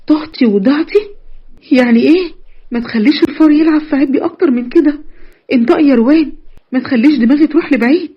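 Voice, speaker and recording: A woman voicing an insistent, excitable younger sister in Egyptian Arabic, pressing and frantic. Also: sits high, quick pace, highs cut off, voice pushed up, lightly acted.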